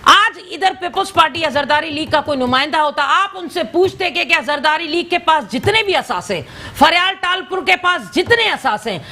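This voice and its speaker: A woman's voice: very high voice, animated, few pauses, sharp tone. A woman from Sindh, a political guest in a TV studio, arguing insistently and talking over the host in a heated debate. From Sindh, Pakistan. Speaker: political guest on a TV talk show.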